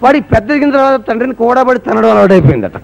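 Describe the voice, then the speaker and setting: Man, Coastal Andhra Telugu accent, satirical harikatha, theatrical, fry in the voice. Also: very high-pitched, very animated, very fast, highs cut off. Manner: humorous, theatrical, slips into characters and song. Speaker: harikatha performer. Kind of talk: satirical harikatha storytelling with sung verses.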